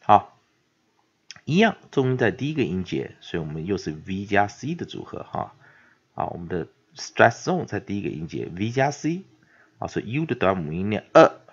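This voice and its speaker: A man with a Taiwanese Mandarin accent teaching an English phonics lesson, filling his talk with drawn-out sounds and repeating the example words slowly. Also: lowish voice, breathy edge. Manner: repetitive filler particles, drawn-out example words. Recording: dull lo-fi recording.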